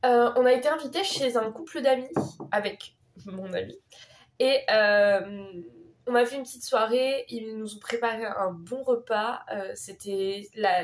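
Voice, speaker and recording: A woman's voice: mid-range voice, a little hiss or hum. A young woman with a stuffed-up, nasal, sore-throat voice from a cold, chatting casually in a rambling, self-correcting way for a vlog. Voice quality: congested, nasal voice from a cold with sore swollen tonsils. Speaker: vlogger.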